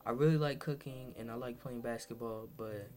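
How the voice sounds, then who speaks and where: A young man from Massachusetts hosts his first solo podcast, a casual monologue, at medium pitch and normal speed with a darkish tone. Tired and low on energy, he rambles hesitantly with many fillers and restarts, and soft music plays in the background.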